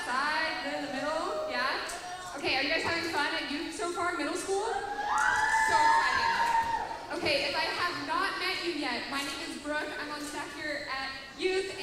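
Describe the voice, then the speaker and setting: A young woman leads a youth group talk in a chatty, upbeat way, talking straight to the kids. Her voice sits high. It rings through a big echoing hall with the murmur of a crowd behind it. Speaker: youth pastor. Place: large hall with students.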